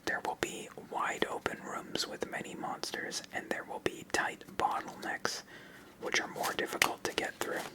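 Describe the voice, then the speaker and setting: Entirely in a whisper, an ASMR host walks through a card game methodically, explaining each move step by step at a moderate pace. The recording quality is low.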